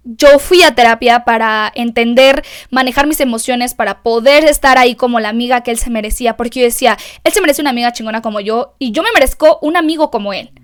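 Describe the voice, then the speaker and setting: A woman's voice: a little high, clean tone. A young woman with a Mexican accent hosting a solo podcast, talking candidly and emotionally to her listeners and swearing freely. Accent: Mexican Spanish. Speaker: podcast host. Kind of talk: confessional solo podcast monologue.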